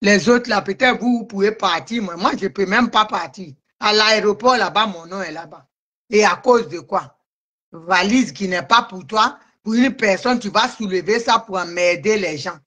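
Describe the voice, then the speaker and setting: A woman's voice: mid-range voice, a bit bright. A woman hosting a live stream, ranting in an agitated way and answering commenters by name. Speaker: livestream host. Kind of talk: heated live-stream rant.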